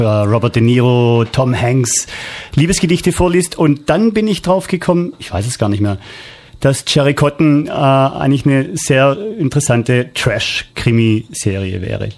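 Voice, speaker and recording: Male guest, mid-pitched, chatty anecdotes, lots of ums. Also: a little mellow. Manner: anecdotal, hesitant with many fillers. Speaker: audiobook producer, guest. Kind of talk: casual interview talk.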